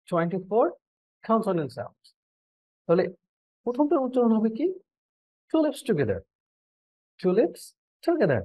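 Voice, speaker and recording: A woman teaches English pronunciation at a very unhurried pace. She repeats each consonant sound and example word one by one, her pitch rising and falling with lively emphasis, explaining in Bengali in between. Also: breathy edge. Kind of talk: pronunciation lesson.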